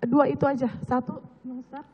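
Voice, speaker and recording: A hoarse woman with a high voice gives courtroom testimony, recounting events earnestly step by step. Her voice rings with a long hall echo, and the sound is muffled and lo-fi. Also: flat delivery, normal speed. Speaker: witness.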